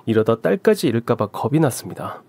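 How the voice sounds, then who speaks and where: A man's voice: medium pitch, big pitch swings, fast talker, vocal fry, darkish tone, dry recording. A man in his forties narrating his own story in the first person, earnest and emotional.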